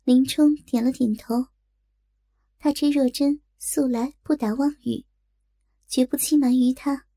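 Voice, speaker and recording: A woman narrating a story in a slow, measured way. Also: sits high, fairly even intonation, dark tone, dry recording.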